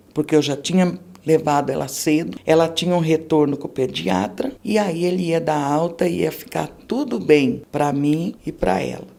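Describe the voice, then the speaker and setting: On a podcast, a middle-aged woman with a Brazilian Portuguese accent gives an emotional religious testimony, telling her story vividly and acting out the people in it. Her voice is low, gravelly, and dark.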